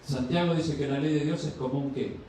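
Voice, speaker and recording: Preaching a little fast in a mellow, steady, medium-pitched voice, this male pastor poses questions to his congregation and answers them, acting out short dialogues as his voice rises. The recording comes from a distant mic in a very echoey church sanctuary, with a little hiss or hum.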